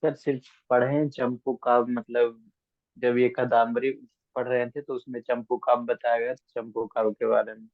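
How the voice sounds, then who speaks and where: A man's voice: medium pitch, level tone, normal speed, no room sound. A male student giving hesitant, respectful answers to his teacher. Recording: tinny phone-like line, dry.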